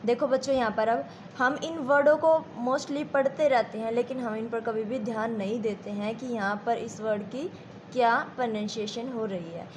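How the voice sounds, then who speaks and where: A woman's voice: a little high, fairly even intonation, darkish tone, a little hiss or hum. A woman teacher with an Indian accent giving a classroom lesson, repeating points and asking the students if they follow. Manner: slow and repetitive, checks understanding with questions.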